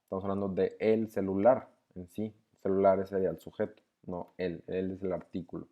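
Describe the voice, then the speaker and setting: A man's voice: low voice, level tone, brisk, highs cut off. A young man patiently walks through grammar exercises, reading each sentence aloud and explaining it step by step. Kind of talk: screen-recorded lesson walkthrough.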